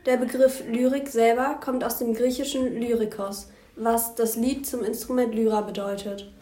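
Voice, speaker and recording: A woman's voice: fairly high pitch, level tone, normal speed, mellow. Woman reading a lesson in an echoey room. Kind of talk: scripted educational narration.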